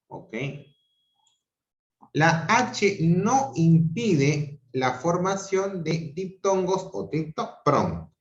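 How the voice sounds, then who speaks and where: A Peruvian man teaching an online grammar class. He talks slowly and deliberately, repeats each example syllable by syllable, and keeps checking in with "¿ok?" and "¿ya?". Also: on the high side. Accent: Peruvian Spanish. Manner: checks understanding with frequent "¿ok?" and "¿ya?". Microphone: video call. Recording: roomy, dull video-call audio.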